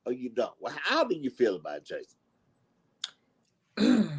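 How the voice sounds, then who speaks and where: A man's voice: mid-range voice, wildly swooping pitch, moderate pace, husky. A man co-hosting a talk show, giving opinions in an emphatic, joking way. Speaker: co-host. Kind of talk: casual opinionated chat.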